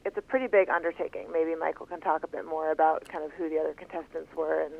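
An American woman explaining things as an interview guest, in a hesitant, measured way, over the telephone. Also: low-pitched, steady tone, creaky. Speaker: interview guest, contest participant. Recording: tinny phone line.

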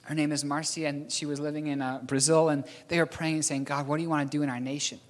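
Here a New Zealander gives a storytelling sermon quickly and flatly, his voice a little high. He drifts off track now and then, then corrects himself with a chuckle at the slip. The sound echoes with a long hall reverb.

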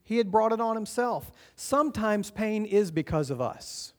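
A man preaching a sermon as pastor, earnest and encouraging, swinging between loud urging and quiet, hushed lines. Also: high voice, animated, normal speed. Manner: earnest, encouraging, rises and drops in volume.

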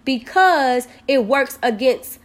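Blunt, animated young woman. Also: sits high, takes it slowly. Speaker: podcast co-host. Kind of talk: casual chat.

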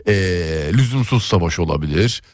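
A man's voice: on the low side, animated, a little fast, a little mellow, dry recording, studio quality. A man co-hosting a morning show, joking and playing dumb in casual banter. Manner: joking, playfully clueless. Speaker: radio co-host.

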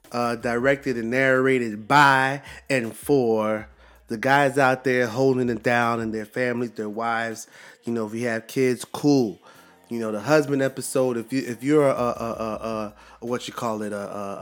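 Male American podcast host, mid-pitched, casual bro talk with hip-hop slang, music underneath. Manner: laid-back, slangy, bro-like delivery peppered with "yo" and "you know what I'm saying".

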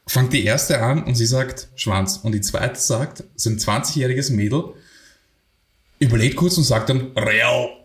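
Erzählfreudiger Wiener Podcaster, halliger Raum. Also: male voice, medium pitch, unhurried, roomy sound, slight background noise. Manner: animated, laughing while telling anecdotes. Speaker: podcast co-host. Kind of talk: casual storytelling.

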